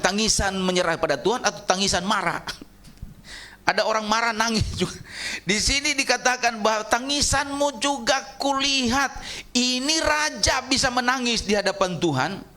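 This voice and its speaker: A male pastor preaching a sermon in a church, swinging between loud high calls and low soft asides.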